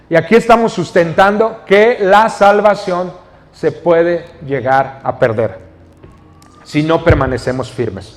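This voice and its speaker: This Mexican Spanish-accented pastor has a slightly high, somewhat dark voice that echoes through a large church hall. His sermon is instructional: he reads a passage of scripture, explains it and asks the congregation questions.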